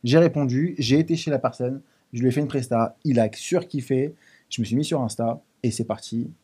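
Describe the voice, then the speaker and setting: Man, guest in studio, husky and mellow, lively talker. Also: medium pitch, brisk. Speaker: pizza business founder, guest. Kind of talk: casual studio interview.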